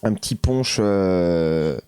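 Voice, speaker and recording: A man's voice: sits low, expressive, very slow, warm tone, clear, resonant tone, soft background music. A man with a French accent hosting a casual live stream, hesitant with many fillers, reading chat comments aloud and answering them.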